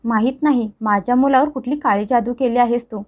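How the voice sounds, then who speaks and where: A woman's voice: fairly high pitch, a little fast, lightly acted. Angry old mother-in-law, as a woman puts her on. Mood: furious scolding. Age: older. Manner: harsh, accusing, shouting.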